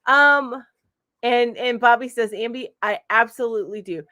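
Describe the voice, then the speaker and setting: A middle-aged woman hosting her crochet channel's live chat stream from home casually reads comments aloud and replies with lots of fillers. Her voice is on the high side and sharp-toned, at a normal speed. The recording is studio quality without echo.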